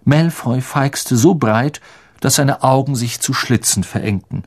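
A man narrating an audiobook in a lively, expressive storytelling manner. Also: mid-range voice, unhurried. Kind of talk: scripted narration.

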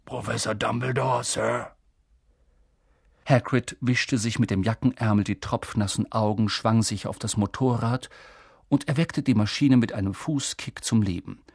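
A man narrating an audiobook in a calm, even storytelling manner. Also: on the low side, moderate pace, slightly rough, no echo, clean studio sound. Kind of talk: scripted narration.

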